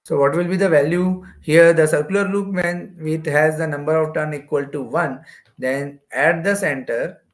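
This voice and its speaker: A physics teacher with an Indian accent gives an explanatory exam-prep lecture, moving step by step and repeating phrases. His voice is on the high side.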